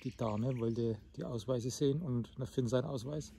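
Man, 40s, easygoing co-host of a travel vlog. Matter-of-fact delivery, mid-pitched, with a faint outdoor hiss. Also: moderate pace, gravelly, dark tone. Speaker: vlogger, co-host. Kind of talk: casual travel vlog chat. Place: outdoors by a lake at dusk. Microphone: phone at arm's length.

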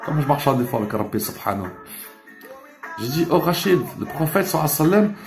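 A man's voice: a little high, animated, fast, soft background music. A man telling a rambling, emotional story in a casual monologue, dropping Arabic religious expressions and swearing as he goes. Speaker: vlogger.

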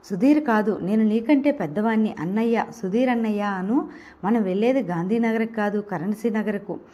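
A woman's voice: medium pitch, fairly quick, mellow, natural voice. A woman voicing a sarcastic, teasing young man who needles his younger cousin in an audio novel. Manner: mocking, sarcastic retorts.

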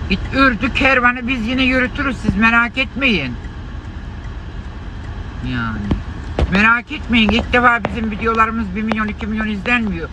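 A high-pitched man scolds his viewers in an indignant, exclamatory live-stream rant, his voice gone hoarse. He talks into a phone from inside a car. Loud traffic and street noise runs underneath. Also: lively intonation, normal speed. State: hoarse from shouting. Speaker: livestreamer.

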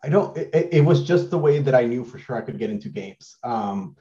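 Here a guest artist from Mexico, a man in his thirties, talks at a medium pitch with lo-fi sound. It's a casual interview chat over video call, relaxed and halting, packed with fillers and restarts.

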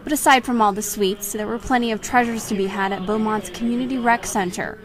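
A woman reporter reading a scripted news voice-over in a measured tone. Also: on the high side, steady tone.

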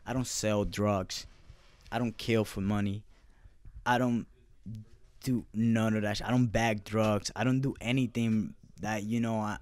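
A Puerto Rican clothing brand founder, a native Spanish speaker, answers interview questions casually in loose, profane street talk packed with fillers. His voice is on the low side, with no room sound.

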